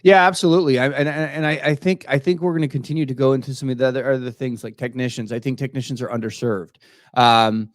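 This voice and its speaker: A man in his late thirties, co-hosting a podcast in casual chat, animated and stumbling over repeated words as he talks. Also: mid-range voice, fast talker, no room sound, clean studio sound. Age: 30s. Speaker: podcast co-host.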